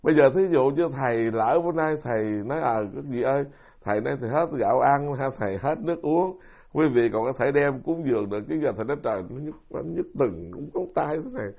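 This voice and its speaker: A man's voice: mid-range voice, quick pace, a little mellow. A middle-aged man, a Buddhist monk with a Southern Vietnamese accent, giving a dharma talk full of stories and rhetorical questions to his listeners. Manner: storytelling with rhetorical questions to the audience. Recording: dull lo-fi recording.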